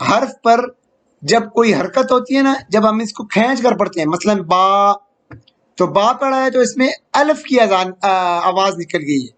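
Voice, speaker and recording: A man teaching an online grammar lecture, patiently repeating key terms and checking in with rhetorical questions. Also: high voice.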